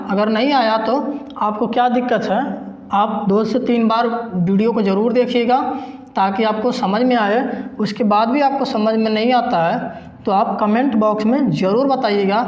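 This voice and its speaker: A man giving an online math lesson, explaining slowly and step by step, repeating each digit. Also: high voice. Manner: slow, repetitive, step-by-step explaining. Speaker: math teacher. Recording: roomy, dull lo-fi recording.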